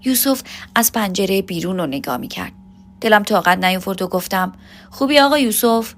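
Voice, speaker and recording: A woman narrates a first-person love story for an audio podcast. She recounts it softly and intimately, in a voice of ordinary pitch. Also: animated.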